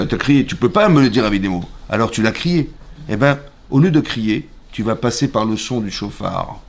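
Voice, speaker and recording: A man teaching a lively Torah class in a synagogue, acting out shouts and sounds and questioning his listeners. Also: medium pitch. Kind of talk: animated Torah lesson.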